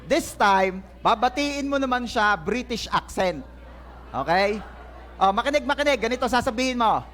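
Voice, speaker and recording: Playful high-voiced pastor with lively delivery. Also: male voice, normal speed. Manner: playful, jokes with the congregation. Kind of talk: lively sermon. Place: church hall. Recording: church service with faint crowd. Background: congregation laughing and responding.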